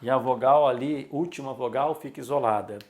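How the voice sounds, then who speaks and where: A man's voice: mid-range voice, fairly quick. A man, teaching a recorded exam-prep lesson and repeating key words for emphasis.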